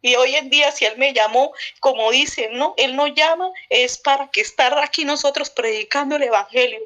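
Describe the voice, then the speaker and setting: A woman's voice: high-pitched, normal speed, fairly bright tone, highs cut off. A middle-aged woman telling her personal faith testimony in an emotional, repetitive, fervent way. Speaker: church member giving testimony.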